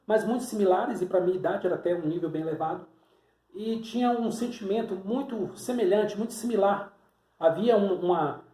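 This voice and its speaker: This preacher from Salvador, Bahia, Brazil has a high, warm voice. He gives a teaching sermon, explaining the symbols on a board step by step and posing rhetorical questions, with the room's echo audible.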